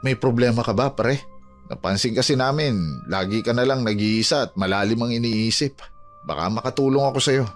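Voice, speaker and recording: A man's voice: medium pitch, normal speed, lightly acted. An actor playing a blunt, concerned coworker who pleads with his friend. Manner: earnest, pleading, plain-spoken. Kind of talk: audio drama acting. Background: music.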